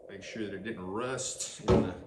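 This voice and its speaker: This channel host talks loudly in a lowish register at a normal speed, fixing an engine in an open-air garage for a relaxed workshop vlog. There's no external mic, just the camera's, so the echoey shop noise comes through.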